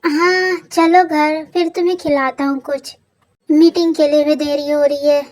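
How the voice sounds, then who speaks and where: A man's voice: very high voice, level tone, a little slow. A reader voicing a stern young man who bosses around and cares for a childish twin, in a fan audio story. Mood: bossy. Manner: bossy, scolding. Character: stern rich young man, gruff caretaker.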